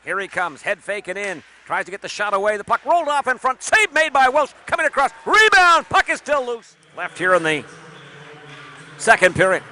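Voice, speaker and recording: A man calling hockey play-by-play, rising to excited shouts on big saves. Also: sits high, brisk. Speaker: play-by-play announcer. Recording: noisy broadcast feed.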